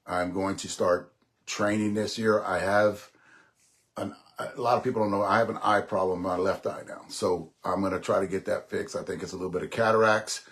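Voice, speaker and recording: A podcast host in his sixties rambles through a casual monologue, often repeating himself and swearing offhandedly. His voice is low-pitched with a fairly bright tone.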